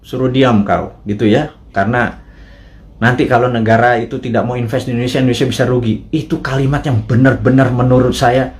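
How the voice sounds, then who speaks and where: A man's voice: medium pitch, fairly even intonation, a little fast. A man hosting a live show, delivering a political commentary monologue with impassioned rhetorical questions and colloquial asides. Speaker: host.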